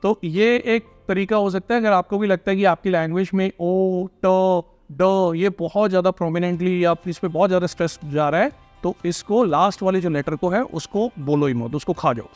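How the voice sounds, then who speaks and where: A man with a high voice teaches as an exam-prep tutor, explaining patiently and checking in with his listeners. He slows down to model each English word. Faint music plays underneath. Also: a little mellow, dry recording. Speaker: IELTS tutor. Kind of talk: Hindi-English teaching talk.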